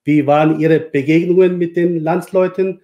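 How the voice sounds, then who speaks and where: Middle-aged male host, formal questions, mellow tone, video call. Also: a little high, fairly even intonation, moderate pace, muffled recording. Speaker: interviewer. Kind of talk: remote interview questions. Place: study with bookshelves.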